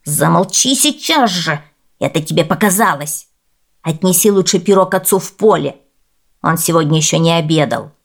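A woman's voice: low-pitched, moderate pace. A woman voicing a cruel, scheming stepmother who scolds and snaps. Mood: angry. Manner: gruff and scolding.

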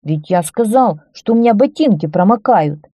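A woman voicing a selfish young schoolboy in a children's story, loudly making excuses. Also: medium pitch, lively intonation, normal speed, no echo, lightly acted. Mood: defensive. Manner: loud, defensive, excuse-making.

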